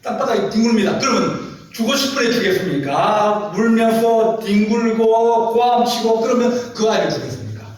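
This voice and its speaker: High-voiced preacher in echoey church. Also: male voice, moderate pace. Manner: emphatic, asks the congregation questions. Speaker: pastor. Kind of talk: sermon. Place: church sanctuary. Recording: echoey church heard from a distance.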